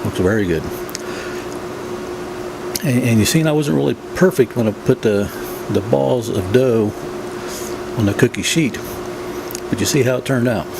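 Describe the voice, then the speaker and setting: A man's voice: mid-range voice, normal speed, gravelly, long pauses. A plain-spoken, folksy man casually narrating a home cooking demonstration in his kitchen. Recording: steady background room hum and noise.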